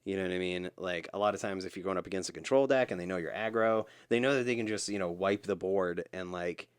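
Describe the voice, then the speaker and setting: A man's voice: sits low, quick pace, clear, resonant tone. A man co-hosting a podcast in easygoing casual chat, full of "you know" fillers. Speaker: podcast co-host.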